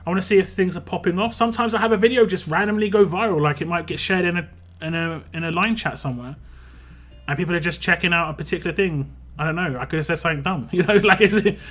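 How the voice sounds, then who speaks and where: Here a young man with a West London accent rambles through casual live-stream chat while gaming, speaking quickly with frequent fillers and restarts. The voice is high and fairly bright, over faint background music.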